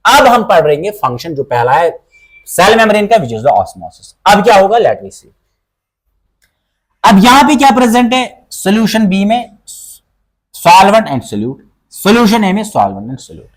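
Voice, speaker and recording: A male teacher explaining a biology lesson, asking himself questions and answering them, repeating key terms and slowing down to dictate definitions. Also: high-pitched, big pitch swings, rough recording.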